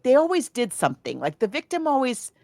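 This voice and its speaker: A high-pitched woman talks fairly quickly in studio-quality audio without room sound. Co-hosting a podcast, she chats casually about books and films as a rambling, animated storyteller who acts out quotes.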